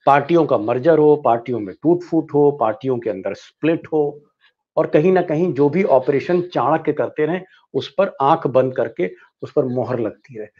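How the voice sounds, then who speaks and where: A man's voice: a little high, expressive, moderate pace, highs cut off. Man hosting a political panel, probing questions. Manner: poses pointed rhetorical questions, relays what insiders told him. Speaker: host.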